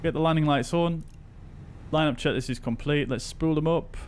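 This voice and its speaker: A man's voice: a little high, normal speed, a little hiss or hum. Man, clipped pilot headset callouts. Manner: clipped, procedural pilot phrasing into a headset mic. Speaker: flight sim streamer playing pilot. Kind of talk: pilot radio calls and cockpit callouts.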